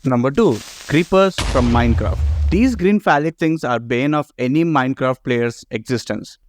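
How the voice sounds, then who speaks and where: A man's voice: medium pitch, lively intonation, moderate pace, no echo. A man narrating a scripted video game commentary in a sarcastic, profane way.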